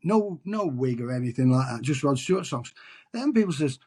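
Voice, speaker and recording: A middle-aged Englishman, a tribute singer, chats casually in an interview, rambling, restarting, and poking fun at himself. His husky voice sits at medium pitch with a darkish tone, and he talks fairly quickly with lively intonation.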